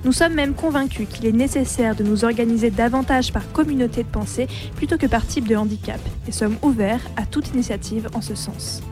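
A woman reading a manifesto aloud in a measured, declarative way. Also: on the high side, over music.

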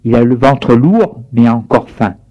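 Mellow man reading a story aloud. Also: mid-range voice, normal speed, lo-fi sound. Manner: steady, clear reading.

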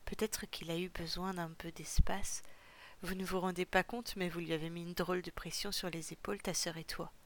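A woman's voice: on the low side, fairly even intonation, moderate pace, slight background noise, lightly acted. A woman reading the storybook role of a loyal, kind-hearted young fisherman who speaks earnestly and defends his friend.

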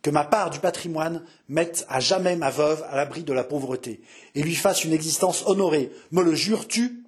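Male reader voicing a feverish young noble, urgent, pleading, slightly raised pitch. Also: moderate pace, close to an everyday voice. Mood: solemn urging. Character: young nobleman, eldest son, feverish and passionate. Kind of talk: audiobook reading.

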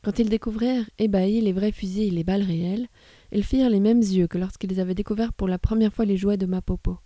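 Dark-voiced woman reading a novel aloud. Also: medium pitch, fairly even intonation, quick pace, no echo. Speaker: reader. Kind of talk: literary reading.

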